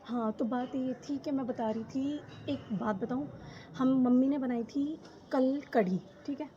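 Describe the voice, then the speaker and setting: A woman's voice: high voice, measured pace, warm tone, highs cut off, a little hiss or hum. A young woman vlogging into her phone camera on a rooftop, chatty and rambling, often giggling. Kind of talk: casual chat to camera. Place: rooftop outdoors.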